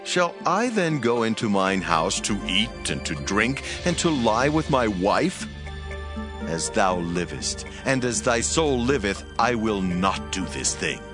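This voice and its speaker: A man's voice: lowish voice, sing-song, a little slow. A man playing Uriah, a loyal soldier who speaks earnestly and solemnly in archaic phrasing over music. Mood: earnest refusal.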